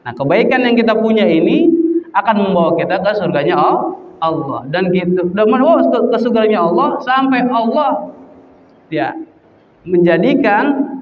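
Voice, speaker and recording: A man with a Betawi accent giving a casual, jokey sermon, telling a folksy story with loud acted cries. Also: high-pitched, lively intonation, moderate pace, long pauses. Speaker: preacher. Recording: roomy hall from far off, dull sound.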